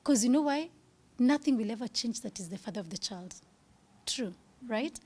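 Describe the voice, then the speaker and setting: A woman's voice: a little high, expressive, moderate pace, a little mellow, breathy edge. A woman in her thirties, speaking candidly as an interview guest, earnest and at times dropping to a whisper.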